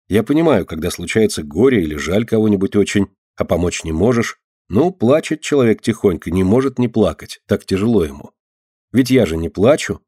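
A man voicing a calm, serious mother in an audiobook, speaking in a measured, instructive way. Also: lowish voice, slightly rough, no echo, studio quality. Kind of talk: audiobook character voice.

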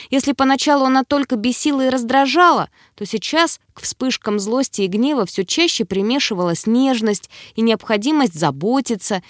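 A woman narrating a fantasy novel aloud in an expressive, dramatic first-person reading. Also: on the high side, dry recording, studio quality. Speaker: audiobook narrator.

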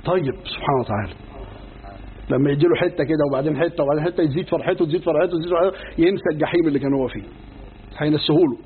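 A man's voice: fairly high pitch, racing. A man with an Egyptian accent teaching a religious lesson, telling stories with everyday asides and acting out the dialogue. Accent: Egyptian Arabic. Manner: lively storyteller, acts out dialogues in everyday speech. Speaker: Islamic preacher teaching a lesson. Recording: tinny lo-fi recording with faint hiss.

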